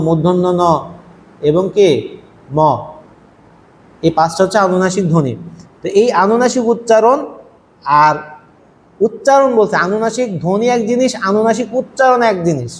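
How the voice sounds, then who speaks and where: A man's voice: high voice, moderate pace, long pauses. A man teaching a university language class, explaining patiently and asking his students rhetorical questions. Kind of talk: classroom lecture. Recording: faint noise, long hall echo.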